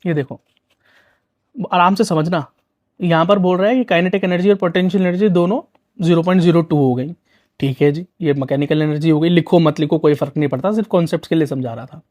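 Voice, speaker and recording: Chatty physics teacher, slightly high. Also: male voice, quick pace, a little mellow. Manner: chatty, coaxing, asks rhetorical questions. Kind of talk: exam-prep lesson.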